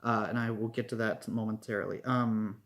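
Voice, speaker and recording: A man's voice: fairly low pitch, little pitch movement, brisk, a bit bright. A man giving a casual spoken review, rambling with many "like"s and "um"s and restarting his sentences. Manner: rambling, lots of fillers and restarts.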